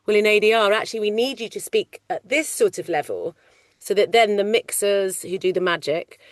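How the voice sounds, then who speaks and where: A middle-aged woman working in film casting, talking loudly and animatedly in a casual interview. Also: mid-range voice, a little fast, no room sound, clean studio sound. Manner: loud, animated, chatty storyteller. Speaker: ADR casting coordinator.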